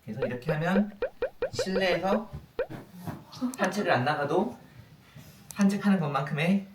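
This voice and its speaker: A man's voice: high voice, normal speed, heavy background noise. A man working as a dog trainer, explaining indoor exercise for a puppy and calling it over with short repeated commands, recorded indoors on a distant camera mic. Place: indoors, small room. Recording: roomy sound, distant mic, music behind.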